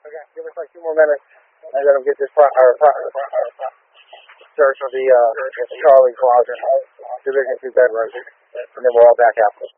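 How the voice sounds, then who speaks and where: A man's voice: medium pitch, level tone, normal speed, pauses often, no echo. Man, firefighter radioing in emergency reports. Plain, informal delivery, narrow dry two-way radio sound, ambulance-radio style. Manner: matter-of-fact, informal. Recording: thin, tinny two-way radio transmission.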